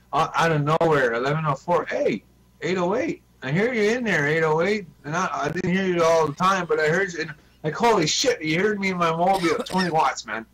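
On a noisy, humming online group call, a man with a slightly high, fairly bright voice chats casually as a CB radio hobbyist. He tells stories in a repetitive, sweary way.

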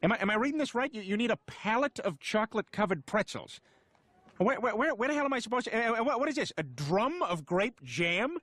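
A bossy, stammering cartoon dad in a sitcom, with a high, bright voice that swings all over. The sound is dry and close. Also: male voice, very animated, fairly quick, no room sound, exaggerated voice. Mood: exasperated. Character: loud goofy middle-aged cartoon family dad. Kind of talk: animated sitcom dialogue.

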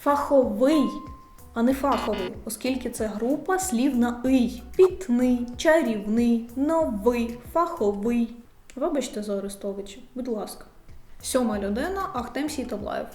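Brief: a higher-voiced woman teacher, careful explanations, roomy sound. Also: lively intonation, darkish tone. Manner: slows down to contrast word stresses. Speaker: exam-prep teacher. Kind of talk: scripted explainer video.

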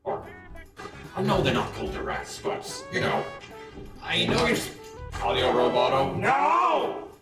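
A man's voice: sits high, huge pitch swings, measured pace, pauses often, heavy reverb, recorded from a distance, music in the background. A man streaming live, his voice warped by an accidental voice-changer filter that sounds like talking into a fan, chatting distractedly while fixing settings. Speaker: livestreamer. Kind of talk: casual live-stream chat.

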